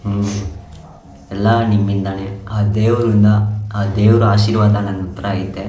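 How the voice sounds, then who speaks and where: Kannada-accented male vlogger, casual and reassuring, low-pitched, recorded in an echoey room. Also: flat delivery, moderate pace, mellow, highs cut off. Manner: comforting, repeats himself often. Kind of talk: casual vlog chat. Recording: echoey room with faint noise.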